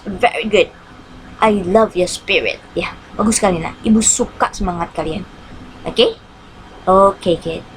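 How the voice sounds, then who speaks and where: Slow-talking woman teaching English. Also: medium pitch, slight background noise, low-quality recording. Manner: repeats each English line in Indonesian, slow careful English. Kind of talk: online English lesson.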